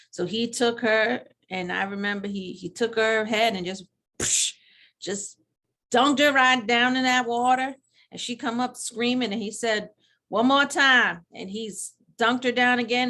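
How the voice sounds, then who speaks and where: A woman's voice: a little high, bright, forceful tone. A woman playing a sassy, blunt elderly grandmother from church, telling a comic story in a chatty, rambling way with many restarts. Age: older. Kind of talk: comedic character monologue.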